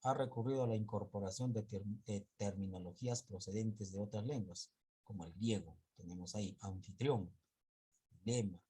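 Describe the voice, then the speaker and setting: A man teaching an online class, lecturing slowly and haltingly, often stopping to correct himself. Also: fairly low pitch, mellow, slightly rough.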